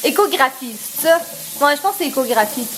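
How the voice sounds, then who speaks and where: A woman's voice: high voice, animated, fairly quick, a little hiss or hum. A woman in her twenties from Quebec with a Québécois accent, chatting and telling stories in a giggly casual vlog manner. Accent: Québécois French. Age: 20s. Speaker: vlogger.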